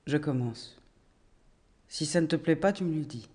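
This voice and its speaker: An actor playing a man who reads aloud a bitter piece of his own writing in a measured, deliberate way. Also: a little high, lively intonation, darkish tone. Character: man reading out a bitter, crude piece he wrote. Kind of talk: reading his own text aloud in a film scene.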